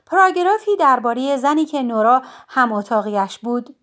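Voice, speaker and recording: Woman, high-pitched voice, audiobook narration, calm, steady. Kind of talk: scripted narration.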